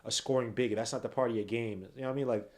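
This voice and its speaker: Man, podcast host, late-night basketball breakdown, tired, yawning, rambling, animated outbursts, mid pitch. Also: racing. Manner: animated, rambling, swings from mutters to loud outbursts.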